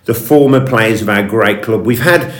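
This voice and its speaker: A man's voice: fairly low pitch, normal speed. A man hosting a podcast interview in a conversational style. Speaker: podcast host. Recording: roomy, echoey sound.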